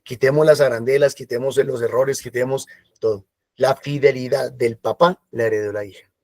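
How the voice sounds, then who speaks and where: A man's voice: mid-range voice, fairly even intonation, normal speed, darkish tone, no room sound. Man preaching, dry close sound. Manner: conversational preaching with acted asides and quoted voices. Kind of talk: sermon.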